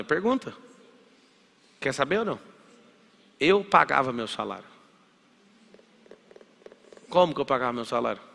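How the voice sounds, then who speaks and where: A man's voice: a little high, vocal fry, pushed and bright. A man with a Brazilian Portuguese accent giving a punchy motivational lecture, firing rhetorical questions. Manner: punchy, acts out dialogues, fires rhetorical questions. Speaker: motivational speaker. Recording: echoey hall with long reverb.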